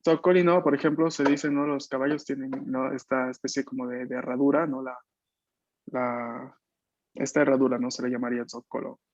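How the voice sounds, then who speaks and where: Over a video call microphone, a man with a medium-pitched, level, darkish voice teaches Italian online using Spanish, in a dry, dull-sounding recording. He explains slowly, patiently echoing his students' answers and constantly checking in with brief tag questions.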